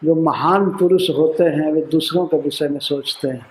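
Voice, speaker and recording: A man, a monk and preacher, giving a devotional scripture lecture, who chants verses and then explains them slowly. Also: on the high side, fairly even intonation. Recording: echoey room.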